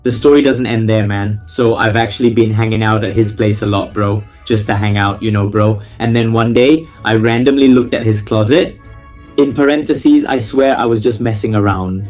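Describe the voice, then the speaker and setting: A man's voice: fairly low pitch, fairly even intonation, normal speed, a little mellow, faint music behind. A man reading viewer confessions in a casual, slangy style, gleefully relishing the gossip and breaking in with mocking, exclamatory asides. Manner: slangy, exclamatory, theatrical reactions.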